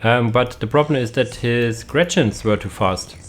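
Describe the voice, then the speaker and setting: A man's voice: medium pitch, normal speed, a little hiss or hum. A young man giving casual, hesitant commentary on a strategy game match, with many fillers and restarts. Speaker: caster.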